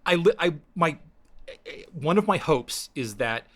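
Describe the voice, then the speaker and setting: A man hosting a podcast, pitching story ideas in casual chat to his co-hosts, thinking aloud with frequent restarts. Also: animated, unhurried, fairly bright tone.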